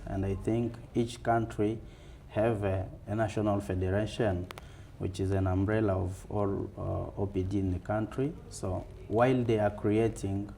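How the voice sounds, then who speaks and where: A man with an African accent answering in a fireside chat interview in a halting, deliberate way. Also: lowish voice, creaky, mellow, slight background noise.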